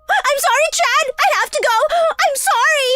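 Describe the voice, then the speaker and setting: A woman's voice: extremely high pitch, big pitch swings, normal speed, a bit bright, soft background music, exaggerated voice. A woman voicing a vain, dramatic, spoiled rich young woman who speaks in a posh, whiny mix of English and Tagalog. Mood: terrified.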